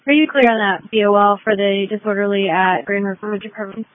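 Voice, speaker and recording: A woman's voice: medium pitch, steady tone, a little fast, phone-quality sound. A woman police dispatcher speaking over a radio channel, reading out calls in a clipped way and repeating addresses. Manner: clipped, reads out addresses twice.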